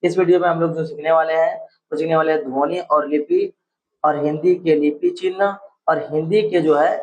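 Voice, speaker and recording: A man's voice: on the high side, fairly even intonation, moderate pace, a little mellow. A man teaching a casual exam-prep grammar lesson, asking each question and repeating the answer back to drill his students. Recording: slightly dull lo-fi sound.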